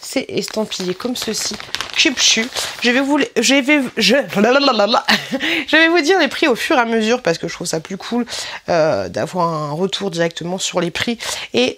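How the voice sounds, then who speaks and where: A woman's voice: medium pitch, lively intonation, measured pace, fairly bright tone. Chatty woman vlogging. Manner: chatty, self-correcting, many fillers. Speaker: vlogger reviewing swimsuits. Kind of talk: casual try-on vlog.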